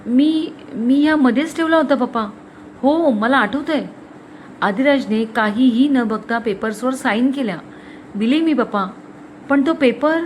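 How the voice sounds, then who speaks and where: A woman's voice: expressive, normal speed, long pauses, a little hiss or hum, natural voice. A woman voicing a frightened young woman who pleads with her father through tears. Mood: panicked. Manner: pleading, high and tearful.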